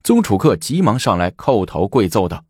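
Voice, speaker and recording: A man narrating a historical story in an expressive storytelling manner. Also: on the low side, normal speed, breathy edge, no echo, clean studio sound.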